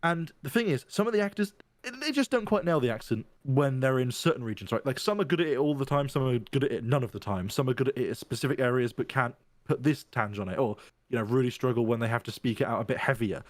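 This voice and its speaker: A man's voice: mid-range voice, expressive, fast talker, dry recording. Casual podcast guy rambling through an argument, dry mic, asks "right?" a lot. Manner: explains at length, checks in with "right?". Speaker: podcast host.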